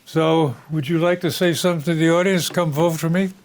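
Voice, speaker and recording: A man hosting a local talk show, speaking in an unscripted, conversational and somewhat halting way. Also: on the high side, fairly even intonation.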